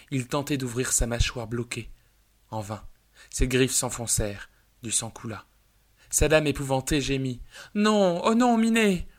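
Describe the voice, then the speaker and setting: A man narrating a literary story in a measured, dramatic way. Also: medium pitch.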